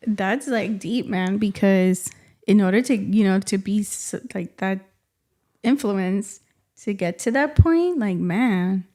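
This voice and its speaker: Mellow-voiced woman chatting casually. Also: medium pitch, slow pace. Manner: animated, conversational, often adds "you know what I mean" and "man". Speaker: podcast co-host. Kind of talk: casual chat.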